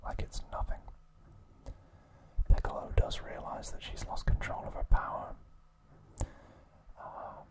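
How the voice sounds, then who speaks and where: A trivia recap delivered by a male ASMR host, who keeps to a soft, breathy whisper and measured, deliberate phrasing with pauses.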